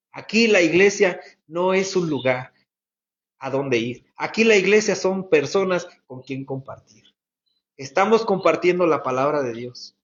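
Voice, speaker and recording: A man preaching a sermon as a pastor, earnest and repetitive, asking the congregation rhetorical questions. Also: on the high side. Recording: muffled lo-fi sound.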